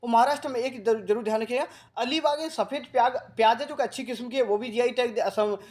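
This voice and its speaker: A male coaching teacher from Rajasthan. He gives a current affairs lecture, speaking slowly and repeating key facts as he drills his students. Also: very high voice, a little mellow. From Rajasthan, India. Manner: slow, repetitive drilling that coaxes students like a big brother.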